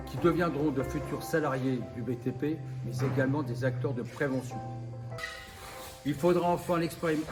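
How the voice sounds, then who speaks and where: A young man reads a student project pitch with earnest, formal care. His pitch sits at an ordinary middle level, and clear music plays behind him throughout. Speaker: student presenter.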